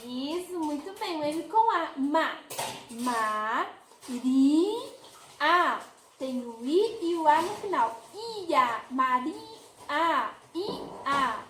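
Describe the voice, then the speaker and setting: A woman, high-voiced and very lively in pitch, teaching letters to small children. She talks extremely slowly, stretching each syllable in a sing-song, coaxing way. The recording has a roomy echo. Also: a little hiss or hum. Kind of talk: early-years phonics lesson.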